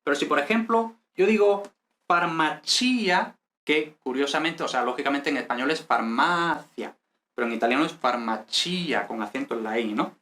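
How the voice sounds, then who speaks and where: A man's voice: medium pitch, lively intonation, quick pace, fairly bright tone. A man teaching an Italian grammar class in Spanish, explaining step by step and checking in often with his students. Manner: patient, repeats "¿vale?" to check understanding. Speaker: language teacher.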